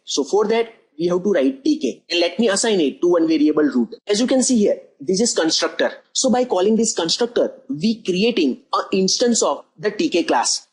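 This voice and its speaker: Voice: mid-range voice, a little mellow, husky, low-quality recording. A coding tutor talking through a screen-recorded programming lesson step by step, often repeating "as you can see over here".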